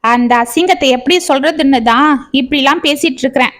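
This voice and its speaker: A woman's voice: sits high, fairly quick, fairly bright tone. A woman voicing an angry young husband who scolds and accuses his wife in a bitter tone.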